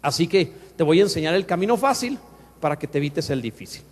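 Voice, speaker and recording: A man's voice: a little high, animated, quick pace, long reverb tail. A man preaching a sermon in a joking, conversational way, full of rhetorical questions. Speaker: pastor. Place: church sanctuary.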